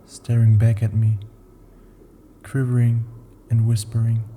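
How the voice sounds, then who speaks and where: A man narrating short horror stories in a slow, deliberate, ominous manner. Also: medium pitch, completely flat delivery, warm tone, slight background noise. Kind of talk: scripted horror story narration.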